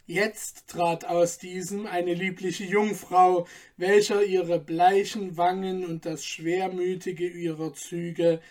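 A woman reading an old storybook tale aloud in a measured, unhurried way. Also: fairly low pitch, flat delivery, a little mellow. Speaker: narrator.

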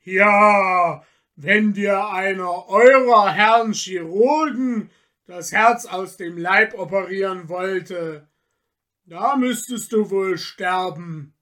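Guy doing a big mocking forest spirit, loud and taunting, kinda high and slow. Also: heavily acted. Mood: sly. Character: mocking giant male forest spirit, scornful. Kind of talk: dramatized storybook reading.

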